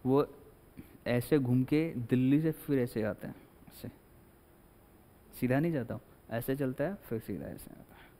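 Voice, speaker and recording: Dark in tone and medium in pitch, a male teacher lectures unhurriedly with frequent pauses, chatting in blended Hindi and English and acting out little scenes. The sound carries long hall reverb.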